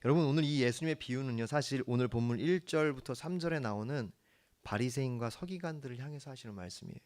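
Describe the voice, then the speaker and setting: A man preaching a sermon as the church's pastor, earnest, swinging from hushed lines to emphatic ones. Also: mid-range voice, fast talker.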